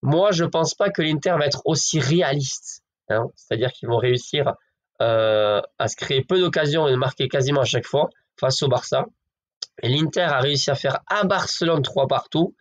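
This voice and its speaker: A man's voice: mid-range voice, normal speed. A man giving football betting predictions in a casual, chatty way, talking straight to his viewers with lots of fillers. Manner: chatty, addresses viewers as friends, hedges with fillers.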